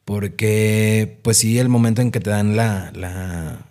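A man hosting a casual interview, giving soft backchannels and rambling with restarts. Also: lowish voice, takes it slowly. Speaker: podcast host.

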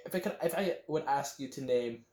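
A man's voice: medium pitch, brisk, a little mellow. A young man in his late teens co-hosting a casual podcast chat, rambling with lots of fillers and restarts. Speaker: podcast co-host. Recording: roomy echo.

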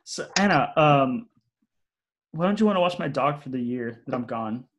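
A man's voice: medium pitch, animated, moderate pace, noisy background. A young man hosting a casual podcast, rambling with many fillers and restarts and using slang like "yo" and "y'all". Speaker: podcast host.

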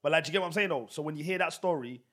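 Fast, husky London roadman. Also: on the high side, a bit bright. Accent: London, street slang. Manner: slangy, emphatic, repeats phrases. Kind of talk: animated casual podcast chat about music.

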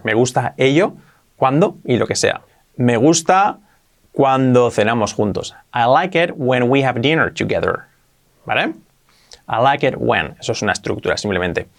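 A man with a Spanish accent from Spain teaching English grammar in Spanish, repeating each English example slowly and often checking with a quick question. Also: medium pitch, lively intonation, gravelly.

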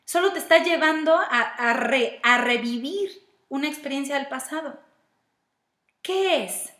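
This woman's high voice carries a sharp tone and a measured pace. With a Mexican Spanish accent, she delivers reflective personal-growth advice, laying out steps and questioning herself aloud, in a space that echoes.

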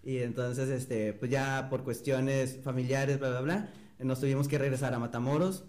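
A man's voice: mid-range voice, steady tone, moderate pace, darkish tone. A young man from Mexico, a guest in a casual interview, telling an anecdote and mimicking other people's voices. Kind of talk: casual storytelling.

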